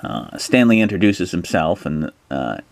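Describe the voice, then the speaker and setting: A man's voice: low-pitched, big pitch swings, measured pace, gravelly, dry recording. A man narrating a solo tabletop adventure, thinking aloud with plenty of hesitations as he rolls and decides. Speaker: solo tabletop game player.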